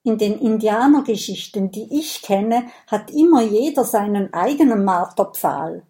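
A woman's voice: medium pitch, lively intonation, measured pace, dark tone. A woman doing a grumbling young dragon boy. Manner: grumbling, plain-spoken.

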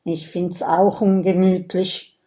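A woman's voice: fairly low pitch, flat delivery, slow pace, dark tone. A woman voicing a grumbling young male dragon in a children's audiobook. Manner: grumbling, plain-spoken.

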